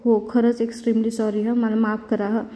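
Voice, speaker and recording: A woman's voice: on the high side, level tone, fairly quick, dark tone, natural voice. A woman voicing an apologetic young policewoman who sounds short of breath, heard with long reverb.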